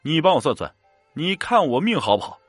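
A brash, hot-tempered gambler who bristles at any insult, voiced by a male narrator. The voice is husky and swings widely in pitch. It sounds close and dry. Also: very animated, brisk, no echo, soft background music. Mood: indignant. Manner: brash, indignant.

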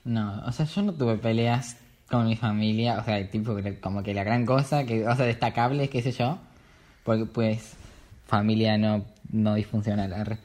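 A man's voice: lowish voice, fairly even intonation, normal speed, a little mellow. A teenage boy chatting casually, rambling with lots of fillers and acting out what others said. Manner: rambling, full of fillers, acts out quotes. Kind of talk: casual chat.

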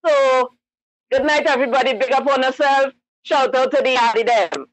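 A woman calls in to a talk show and gives her opinion earnestly and with sympathy. Her voice is high and dry, with a radio-like thinness. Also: moderate pace, dry recording, rough recording. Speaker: caller. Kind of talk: call-in radio commentary.

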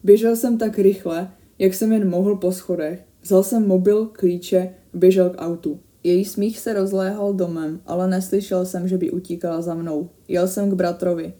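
A woman reading a first-person horror story aloud in a steady, measured way that grows tense at the scary moments. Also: fairly low pitch.

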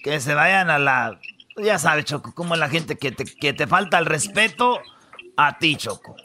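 A man's voice: fairly high pitch, expressive, measured pace, bright, forceful tone, slight background noise. A man, co-hosting a comedy radio show with joking, slangy banter.

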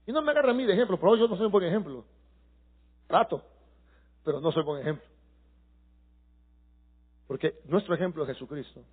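A middle-aged male pastor, preaching a sermon that swings from quiet confiding talk to passionate shouting. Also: sits high, expressive, a little fast, long pauses, breathy edge, phone-quality sound.

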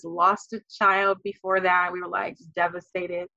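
A middle-aged woman telling her child a tender, faith-filled story of motherhood, laughing softly between thoughts. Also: on the low side, level tone, measured pace, gravelly, no echo, lo-fi sound. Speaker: guest mother. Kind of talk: heartfelt personal storytelling.

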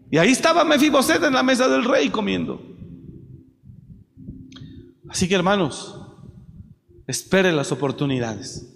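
A man preaching a sermon, moving from quiet storytelling to shouted exhortation. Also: a little high, in a large hall.

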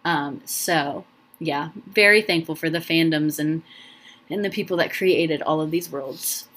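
A woman's voice: deep voice, unhurried, fairly bright tone. A young woman hosting a casual solo podcast, rambling and heartfelt, full of ums and restarts, sounding emotional and close to tears. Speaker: podcast host.

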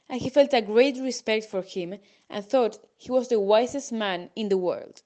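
A woman's voice: a little high, a little mellow. Woman reading a storybook aloud. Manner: plain reading with small slips.

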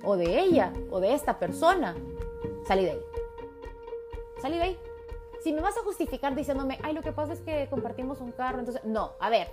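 Chatty woman giving relationship advice. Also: sits high. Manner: chatty, emphatic, acts out quoted voices, calls listener "mija". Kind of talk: casual advice monologue. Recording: soft music in background.

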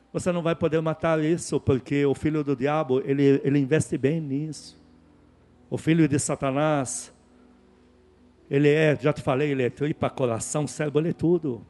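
A man preaching a sermon, emphatic and repetitive, dropping to hushed asides and then rising to loud, lively exhortation. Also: fairly high pitch. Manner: emphatic, repeats key words, swings from hushed to loud. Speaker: pastor.

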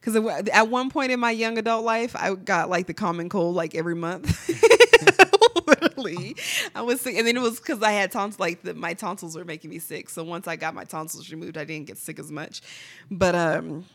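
A woman's voice: fairly low pitch, a little fast, fairly bright tone, no echo. A young adult woman with a stuffy nose, chatting casually and candidly as a podcast co-host, often giggling and swearing. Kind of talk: casual personal chat.

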